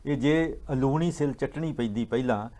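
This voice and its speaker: A man explaining religious teachings in a patient, teaching manner, slowing down to recite verses. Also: mid-range voice, warm tone. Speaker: guest speaker on Sikh scripture.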